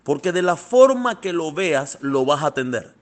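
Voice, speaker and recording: A man preaching a fervent sermon, calling his listeners beloved and swinging between soft passages and loud, thundering ones. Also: a little high, big pitch swings, normal speed. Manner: fervent, addresses listeners as "amado".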